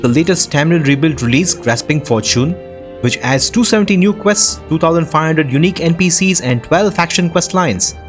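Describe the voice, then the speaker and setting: The host of a game modding news show commentates on gameplay of game mods with enthusiasm and appreciation. His fairly high voice is expressive and moves at a normal speed, with prominent game music playing behind him.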